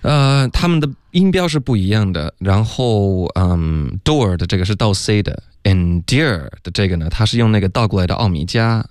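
A man's voice: lowish voice, animated, moderate pace, hardly any pauses, a little mellow, clean tone, dry recording, clean studio sound. A man teaching English pronunciation on a radio lesson, explaining step by step and saying "OK" often. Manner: patient, step-by-step, frequent "OK" and "嗯". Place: radio studio.

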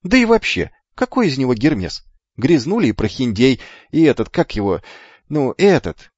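A man voicing a sulky, stubborn young boy twin who grumbles in a high voice. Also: very animated, moderate pace, darkish tone, no echo. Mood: grumbling. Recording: dull lo-fi with faint music.

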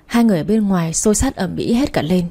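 A woman's voice: medium pitch, animated, quick pace, dark tone. A woman narrating a dramatic family story, reading every part herself.

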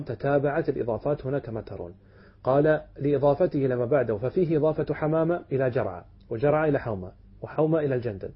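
Husky-voiced sheikh teaching step by step. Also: male voice, medium pitch. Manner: explains step by step, checks understanding with "تمام؟" and "نعم"; recites quoted verse slowly and deliberately. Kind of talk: classical Arabic lesson explaining a text. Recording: dull lo-fi lesson recording.

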